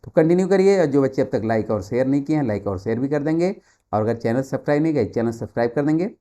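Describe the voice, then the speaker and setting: Male Hindi-speaking grammar teacher, Indian accent, mellow dark voice, drills viewers with repeated words. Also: mid-range voice, animated, quick pace. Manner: repeats key words, drills viewers with timed quiz questions. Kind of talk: online exam-prep grammar lesson.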